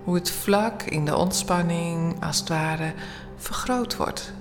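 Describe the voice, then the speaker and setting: Slow, hushed woman guiding relaxation over music. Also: fairly low pitch. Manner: slow, soothing, hushed, often near-whispered, with long pauses. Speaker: guided relaxation instructor. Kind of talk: guided bedtime body-scan meditation.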